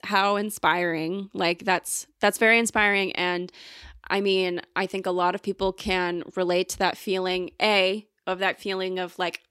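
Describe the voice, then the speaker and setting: A woman's voice: fairly low pitch, level tone, normal speed, a bit bright, clean tone, no room sound, clean studio sound. A woman hosting a podcast and asking friendly, rambling questions full of fillers. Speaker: podcast host. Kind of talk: casual interview talk.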